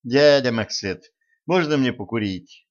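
A man's voice: mid-range voice, expressive, measured pace, lo-fi sound, natural voice. Man voicing an eager, chattering young woman. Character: lively, quick-witted young woman, playful.

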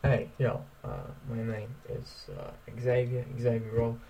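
A man's voice: medium pitch, little pitch movement, a little slow, warm tone, slight background noise, natural voice, poor audio. A man voicing a laid-back young man, full of uh fillers.

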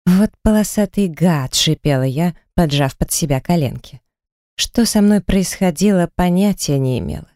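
A woman narrating a first-person audiobook in a lively, expressive reading. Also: on the low side, moderate pace, no echo, clean studio sound. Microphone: close studio mic.

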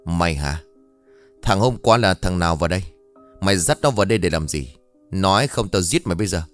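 Man acting violent foster father, fast angry threats, loud. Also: sits low, lively intonation, soft background music. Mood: furious. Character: cruel violent foster father, hot-tempered.

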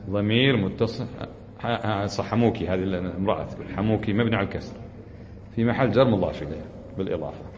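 Low-voiced grammar teacher. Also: male voice, quick pace, a little mellow, muffled recording, a little hiss or hum. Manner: patient, quizzing students and repeating the rules. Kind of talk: classroom grammar lesson.

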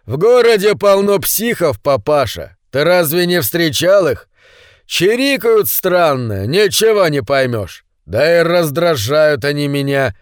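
A man voicing a swaggering young male street thug who taunts and threatens in slow, drawn-out mockery. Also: fairly high pitch, big pitch swings, no room sound, clean studio sound. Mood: menacing.

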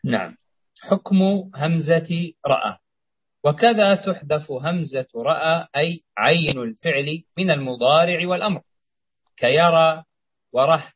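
A man's voice: fairly high pitch, a little slow, breathy edge, dry recording, lo-fi sound. A man reading a classical grammar text aloud for a lesson, in a plain reading voice.

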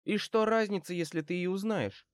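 A man's voice: high voice, moderate pace, dry recording, studio quality, voice pushed up, close to an everyday voice. Man putting on a sneering brassy woman crook. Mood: sneering, defiant. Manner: sneering, snappy retorts. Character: middle-aged female small-time crook, brassy and defiant.

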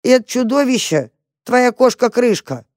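A plucky young male mouse takes charge with quick, eager talk, as a storyteller voices him. He gets impatient and bossy with slower friends in this children's storybook. The sound is dry and close. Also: medium pitch, very animated, a little mellow, dry recording, pitched above the performer's own voice.

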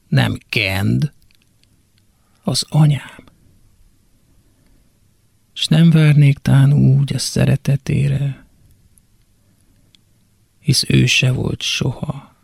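A man's voice: medium pitch, gravelly, no echo, studio quality. A man reciting a poem dramatically on radio, moving between full voice and whispers. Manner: shifts between loud lines and unvoiced whispers. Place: radio studio.

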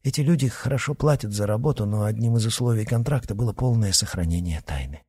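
A man's voice: lowish voice, quick pace, slightly rough. A man voicing an anxious, hot-tempered middle-aged father who pleads and turns agitated. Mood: worried. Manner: agitated, pleading, bursts into shouting.

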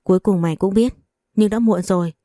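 A woman's voice: medium pitch, fairly quick, warm tone, dry recording, studio quality, natural voice. Woman voicing a coarse, threatening female bully. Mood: menacing.

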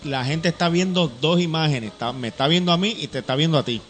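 A male co-host on a church talk program, speaking a little above the usual male pitch. He chats in a loose, explanatory way and fills his pauses with small hesitations. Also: fairly bright tone. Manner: chatty and explanatory, many fillers. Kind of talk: casual church talk-show chat.

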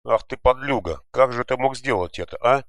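A man voicing an angry, defiant teenage boy in a children's home, shouting and scornful, raised above his own low voice. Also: fairly quick, dry recording. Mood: furious.

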